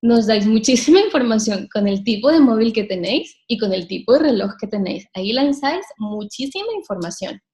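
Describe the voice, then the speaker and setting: Woman, sales trainer, workshop lecture, fairly high voice, direct to audience, emphatic pacing. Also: lively intonation, brisk, few pauses. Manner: addresses the audience directly with frequent rhetorical questions; shifts pace and loudness for emphasis.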